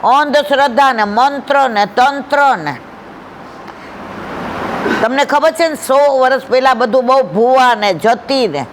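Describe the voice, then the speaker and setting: A woman's voice: sits high, unhurried, long pauses, noisy background. A woman leading a devotional satsang, telling stories in a conversational way and often calling her listeners "my dear". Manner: conversational, asks the audience questions. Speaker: satsang speaker. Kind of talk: devotional satsang talk with storytelling.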